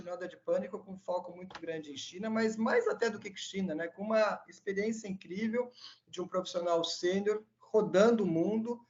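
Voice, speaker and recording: High-voiced Brazilian podcast host. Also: male voice, darkish tone. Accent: Brazilian Portuguese. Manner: upbeat, polite sign-off. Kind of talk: podcast hosting, wrap-up. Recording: dull lo-fi remote podcast audio.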